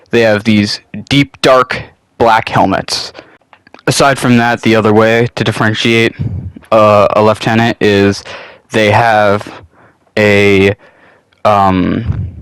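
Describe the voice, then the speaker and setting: With a smooth voice on the low side and a fairly bright tone, a young man hosts his channel despite a cold that has him sniffling a little. He rambles casually through a loosely planned hobby topic, swearing at times, and the recording is dry.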